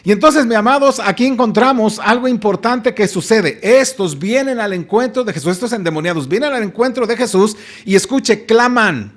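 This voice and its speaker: A male pastor delivers a sermon in a rather high voice. He preaches with emphasis, often pausing to ask his listeners rhetorical questions and addressing them warmly as brothers. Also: lively intonation.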